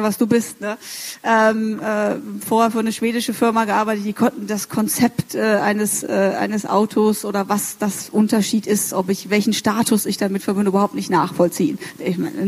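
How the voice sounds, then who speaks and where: A woman speaking on a discussion panel, halting and full of fillers. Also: fairly high pitch, darkish tone.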